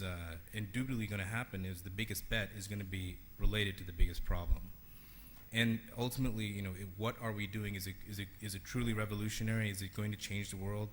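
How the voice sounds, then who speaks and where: A man's voice: on the low side, a little hiss or hum. A man from Sri Lanka giving an earnest conference talk, with many fillers and restarts. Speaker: conference keynote speaker.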